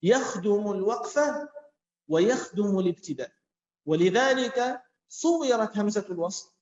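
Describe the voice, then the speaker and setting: A man with a high voice teaches a class. He speaks slowly, repeats key words and keeps quizzing his students. The sound is echoey and muffled. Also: animated, a little mellow. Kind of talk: classroom lesson with student questions.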